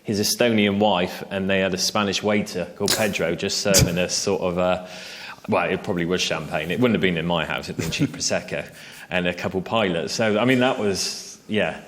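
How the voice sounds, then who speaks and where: A man, a journalist from England, telling a relaxed, self-deprecating anecdote in a stage interview, with lots of fillers and asides. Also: sits low, brisk, a little hiss or hum. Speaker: freelance cycling journalist, interviewee. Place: festival stage interview, indoors.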